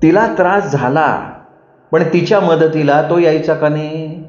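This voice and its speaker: A man playing a sharp-tongued old village mother. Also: low voice, unhurried. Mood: complaining. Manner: scolding, teasing. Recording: roomy, dull lo-fi recording.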